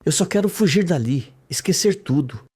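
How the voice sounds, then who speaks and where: A man's animated voice, on the high side and raised above his own register, carries a breathy edge and a slightly mellow tone at a moderate pace. He reads a frightened young woman's dreamy, trembling recollection under hypnosis. It is part of a tense read-aloud soap opera recap.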